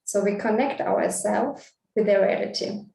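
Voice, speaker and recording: A woman's voice: medium pitch, unhurried, creaky, dark tone. A woman who grew up in Russia and Vietnam, giving a thoughtful festival talk on street photography with frequent hesitant fillers. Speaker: guest speaker, street photographer. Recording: echoey room, distant mic.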